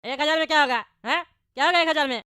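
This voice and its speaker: A woman's voice: high-pitched, quick pace, sharp tone, no echo, studio quality. A woman voicing a bald, short-tempered male politician in a cartoon, always scolding. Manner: scolding, indignant. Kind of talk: cartoon voice acting.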